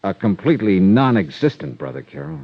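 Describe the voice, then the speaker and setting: A man's voice: lowish voice, very animated, brisk, gravelly, slightly rough, heavily acted. A man playing a blunt, wry, hard-boiled investigator with an American accent in 1950s radio detective style. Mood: wry, firm. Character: hard-boiled, sardonic male investigator named Johnny Dollar. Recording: muffled vintage radio recording.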